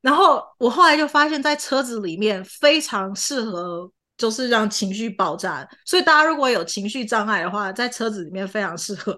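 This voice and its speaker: A woman's voice: on the high side, animated, fairly quick, few pauses, bright, forceful tone. A young woman hosting a casual chat podcast, laughing often as she tells a story and acts out the people she quotes. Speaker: podcast host. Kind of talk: casual chat between friends.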